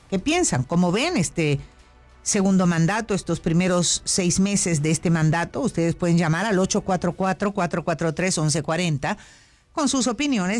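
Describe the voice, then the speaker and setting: A woman from Honduras hosting a call-in radio show, speaking courteously and asking measured questions. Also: fairly low pitch. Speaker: radio host. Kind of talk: radio interview.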